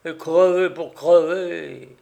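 A gruff old woodsman spits out defiant threats, as a male narrator plays him, loud and raised above his calm reading voice. His lines come out quick and hard. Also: fairly high pitch. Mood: bitter. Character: gruff, furious poor old Polish woodsman.

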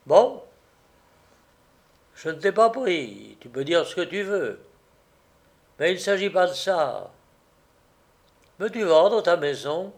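An unshaken gamekeeper presses his point in a level, insistent voice, as a male storyteller reads him. It stays close to the reader's own measured tone. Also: high-pitched, creaky, heavily acted. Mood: calm. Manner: calm and insistent. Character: calm, stubborn male gamekeeper.

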